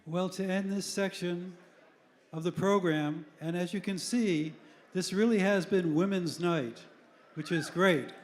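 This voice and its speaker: A man's voice: high-pitched, a little slow. A man hosting a live event, announcing the next speakers from the stage. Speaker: event host introducing speakers.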